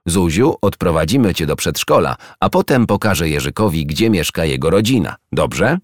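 A man reading a storybook aloud and voicing a calm, caring father who speaks gently but firmly. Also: low voice, normal speed, no room sound, studio quality. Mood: gentle.

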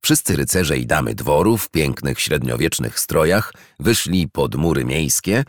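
A man narrating a children's storybook in an expressive, gentle storytelling manner. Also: very deep voice, dry recording, studio quality.

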